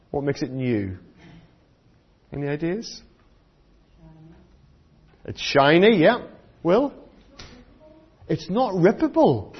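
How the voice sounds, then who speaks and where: A man's voice: medium pitch, slightly rough, muffled recording. A British man giving a children's sermon, teaching like a kids' presenter with simple questions put to the listeners. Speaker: preacher giving a children's talk. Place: church.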